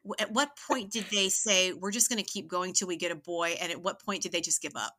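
A woman's voice: lowish voice, brisk, pushed and bright. A woman taking over as interviewer, playful and joking in casual chat. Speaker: guest interviewer.

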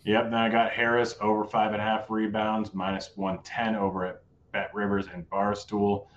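A man's voice: fairly low pitch, monotone, muffled recording, a little hiss or hum. A man hosting a live sports betting show, chatting casually and running through his picks. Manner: casual, joking, quick rundown of picks. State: voice going hoarse.

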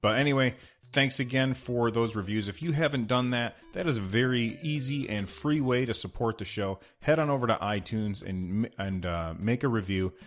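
A man's voice: mid-range voice, moderate pace, faint music behind. A man hosting a casual solo gaming podcast, talking conversationally and directly to listeners in an echoey, unfinished studio room. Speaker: podcast host. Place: new, unfinished home studio room with bare corners.

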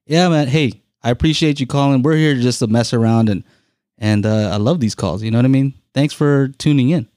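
A man's voice: mid-range voice, fairly quick, darkish tone, no room sound, studio quality. A man hosting a live call-in audio podcast, talking in an easygoing, chatty way with frequent fillers and laughs. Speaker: podcast host.

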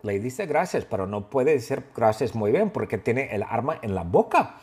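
A man telling a simple story for language learners, lively and playful, with his own sound effects. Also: mid-range voice, normal speed. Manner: animated, makes gun sound effects. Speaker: language teacher.

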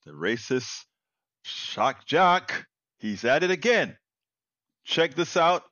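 A man hosting opinionated news commentary, repeating key phrases with deliberate emphasis. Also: on the high side, very animated, sharp tone, dry recording. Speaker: host of political commentary show.

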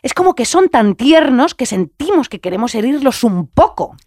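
A woman's voice: high voice, big pitch swings, normal speed, a little mellow, no echo, clean studio sound. A young woman co-hosting a casual podcast chat, rambling and playful, tripping over words and repeating herself. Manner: rambling, playful, giggly, tongue-tied repetitions. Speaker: podcast co-host.

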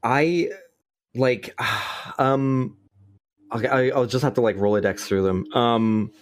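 A man chatting casually as a podcast guest. He swears freely and tells stories with lively energy. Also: mid-range voice, slow, no echo. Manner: swears freely, laughs easily, animated storytelling. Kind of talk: casual chat.

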